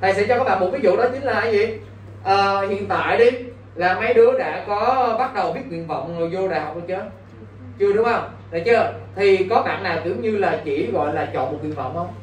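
In an exam-prep English lesson, a male teacher with a high, brisk voice keeps questioning his students, tacking on "got it?" again and again. The mic is distant, the space roomy, and faint noise hums in the background.

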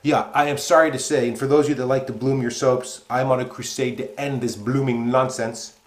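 A man's voice: medium pitch, steady tone. Chatty man in an echoey room. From North Carolina. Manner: chatty and unhurried, with frequent fillers and asides. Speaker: shaving product reviewer. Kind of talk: relaxed product review.

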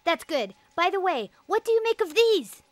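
A woman voicing a plucky, earnest young boy robot hero in an animated game, with a childlike, eager voice. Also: very high-pitched, moderate pace, slight background noise. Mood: earnest, curious. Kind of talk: animated game cutscene dub.

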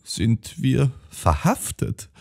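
A man's voice: fairly low pitch, very animated, unhurried, a little mellow, voice pushed up, exaggerated voice. A man voicing an anxious, timid elderly spinster sister in an audiobook. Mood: pleading. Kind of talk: audiobook character voice.

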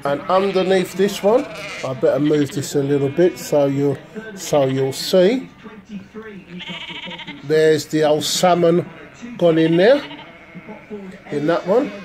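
A man with a fairly high, slightly mellow voice jokes his way through a casual cooking video, presenting his home cooking like a showman chef. He is filming in his home kitchen on a handheld phone held behind the camera.

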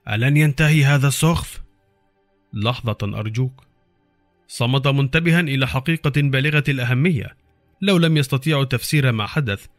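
A man's voice: medium pitch, dry recording. Man narrating a horror story, dry close sound. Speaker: audiobook narrator.

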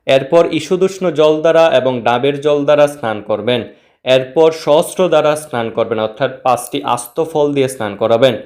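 A man explaining a home worship ritual step by step, reciting Sanskrit mantras in a measured, steady way. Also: mid-range voice. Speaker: religious instructor.

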